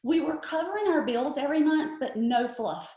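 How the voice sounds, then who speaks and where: A woman in her forties gives an upbeat, chatty product demonstration, pitched a little high. She talks straight to her viewers and asks them to repeat after her. The sound is roomy and slightly dull. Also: animated, normal speed. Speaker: beauty consultant presenter.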